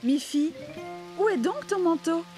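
A calm, caring mother rabbit speaks softly and reassuringly in a storybook cartoon, voiced by a woman. Her tone rises and falls with lively warmth. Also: very high-pitched, unhurried, over music, voice pushed up.

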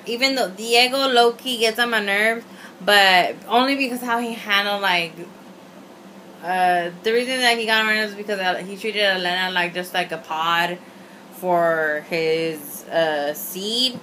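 A woman's voice: mid-range voice, measured pace, bright, forceful tone. A young adult woman giving a casual, opinionated video review, rambling tipsily with emphatic swearing and slang and slipping some Spanish in. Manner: tipsy, rambling drunk talk; mixes Spanish into English. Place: small indoor room at home. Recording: faint room noise.

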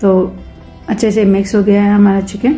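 Faint light music sits beneath a woman's casual voice-over for her cooking channel, as she walks through a home recipe step by step, switching easily between Hindi and English kitchen words. She speaks at a medium pitch and normal speed, her mellow voice holding a narrow, even melody.

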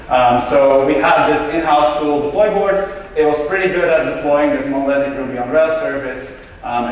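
A man's voice: medium pitch, recorded from a distance, slight background noise. A young man from Belgium giving a casual conference keynote on stage, with lots of ums and uhs. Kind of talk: conference talk. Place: large hotel conference hall on stage. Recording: echoey hall, miked from afar.

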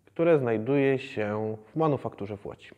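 A man in his thirties, a museum educator, explaining the exhibition in a measured way with many hesitations. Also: mid-range voice, big-room sound, highs cut off. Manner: measured, with frequent hesitation fillers. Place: museum exhibition hall, indoors.

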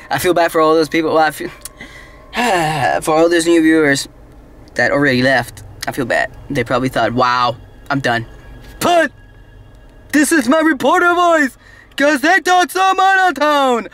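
A man's voice: fairly high pitch, fairly bright tone. A man vlogging a toy hunt in a large store, muttering to himself as he browses the shelves and dropping Spanish exclamations. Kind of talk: casual vlog commentary. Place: large retail store, indoors.

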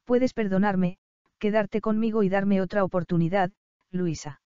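A tender young prince speaks low and earnest in a hush, as a woman reads him in an audiobook. The tone is warm and smooth, and the recording sounds dull and lo-fi. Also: steady tone, normal speed, no room sound, lightly acted.

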